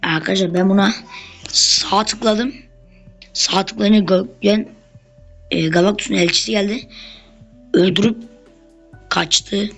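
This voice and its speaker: A gameplay YouTuber giving casual commentary, chatting nonstop to the viewers as friends and breaking into excited bursts during fights. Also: medium pitch, measured pace, vocal fry, pauses often, soft background music, poor audio.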